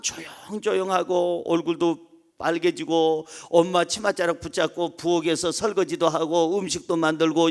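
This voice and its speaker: A male pastor preaching with a high, lively voice. He jokes with the congregation and leads them in reading aloud. His delivery swings between loud calls and soft asides. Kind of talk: sermon.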